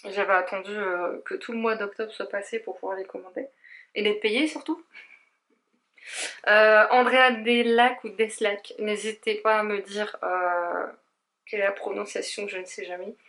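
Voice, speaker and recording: A woman's voice: mid-range voice, fairly even intonation, normal speed, fairly bright tone. Chatty, rambling woman vlogging at home. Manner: rambling, self-deprecating, many hesitations. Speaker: book blogger. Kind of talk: casual book haul vlog. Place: home room.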